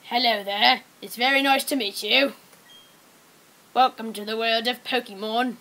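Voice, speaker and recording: A man's voice: very high-pitched, fairly even intonation, very slow, a bit bright, full character voice, poor audio. A teenage boy putting on a kindly older male game professor, with a stiff attempted British accent and a formal tone. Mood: welcoming. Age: teens.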